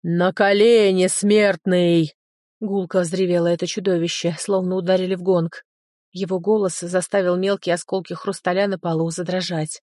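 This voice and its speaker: A woman voicing a huge, cruel male demon who speaks in slow, booming threats. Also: little pitch movement, a little mellow, no echo, clean studio sound, close to an everyday voice. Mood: menacing.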